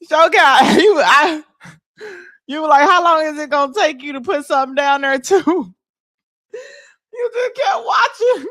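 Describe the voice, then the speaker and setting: A woman hosting a livestream, telling stories in a loud, laughing, profane way. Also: sits high, animated, measured pace, pauses often, no echo, clean studio sound. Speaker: livestream host. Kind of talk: casual livestream chat.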